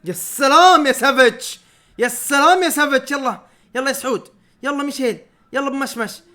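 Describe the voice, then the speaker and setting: A man with a Saudi accent giving live match reaction commentary as a football fan streamer, excitable, shouting at players and the referee and laughing often. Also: extremely high pitch, fast. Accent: Saudi Arabic.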